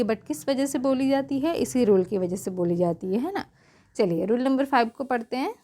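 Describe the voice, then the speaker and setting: A woman's voice: high voice, a little mellow. A woman teaching English pronunciation in Hindi. She spells words out letter by letter, repeats each word, and asks questions that she answers herself. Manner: spells letters one by one, then says the word twice.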